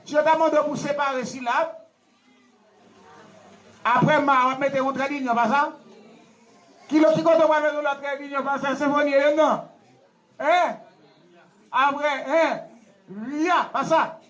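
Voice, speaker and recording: A man's voice: very high-pitched, fairly even intonation, unhurried, long pauses, a bit bright, dull audio. A man with a Haitian accent, a pastor preaching a wedding sermon in call-and-response, asking the congregation questions and having them repeat after him. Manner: laughing, teacherly questioning.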